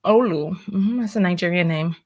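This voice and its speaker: A woman's voice: fairly low pitch, normal speed, darkish tone. A woman hosting a casual chat, teasing and playful. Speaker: host. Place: home room with a printer.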